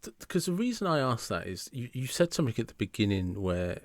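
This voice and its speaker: A man hosting a podcast, asking questions in a halting, searching way. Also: mid-range voice, big pitch swings. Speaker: podcast host. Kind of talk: interview questions.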